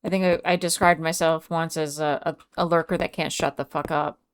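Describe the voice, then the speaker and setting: A woman's voice: sits low, fairly even intonation, a little fast, clean tone. A woman streamer chatting casually with her viewers, reading out and answering chat messages. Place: home.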